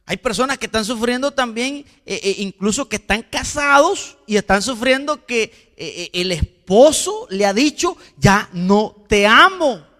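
A man's voice: very high voice, animated, moderate pace, hardly any pauses, a bit bright. A man preaching a sermon as pastor, emphatic, asking the congregation rhetorical questions and repeating words. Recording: long hall reverb.

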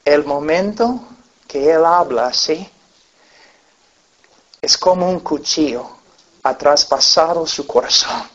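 A man's voice: fairly high pitch, lively intonation, slow, long pauses, a bit bright. A man preaching a sermon to a congregation, telling stories earnestly and acting out the people in them, on a dull lo-fi recording. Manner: earnest storytelling with acted-out voices.

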